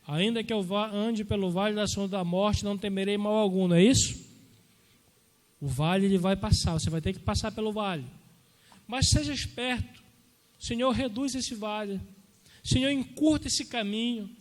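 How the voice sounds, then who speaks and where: High-pitched male preacher, fervent, hushed then shouting, long church-hall reverb. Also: normal speed. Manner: fervent, swings between hushed pleading and loud exhortation; calls out "amém?" and "amados" to the congregation. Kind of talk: Pentecostal sermon.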